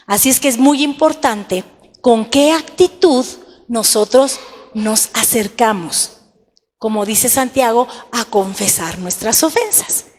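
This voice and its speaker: Lady pastor preaching, high voice, long echo like a big church hall. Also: a little mellow. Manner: slow, emphatic preaching with rhetorical questions to the congregation. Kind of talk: sermon.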